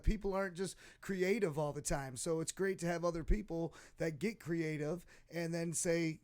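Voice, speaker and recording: A man with a high voice co-hosts a casual livestream chat, spinning animated stories and laughing through them. He comes from Michigan and talks with a lively, friendly energy. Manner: animated storyteller, laughing mid-sentence. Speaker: co-host.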